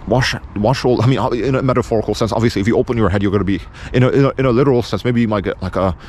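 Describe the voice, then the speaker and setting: A man with a British accent rattles through an off-the-cuff opinion monologue at very high speed. His voice sits a little low, and he hammers his points bluntly and repeatedly. There is faint noise in the recording. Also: racing, a little mellow. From England. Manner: insistent, blunt, repetitive. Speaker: video presenter.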